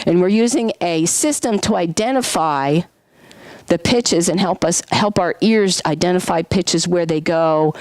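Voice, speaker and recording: A woman teaching a music class in a lively way, often questioning her students and singing examples. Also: on the low side, no room sound. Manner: lively, sings solfege and vocal sound effects to demonstrate; asks the class frequent questions. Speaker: music instructor. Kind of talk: classroom lecture.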